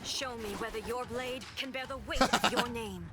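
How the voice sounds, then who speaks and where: Actress as imperious godlike ruler, formal and measured, game music behind. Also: female voice, on the high side, close to an everyday voice. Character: stern godlike female ruler, cold and imperious. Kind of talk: game dialogue voice acting.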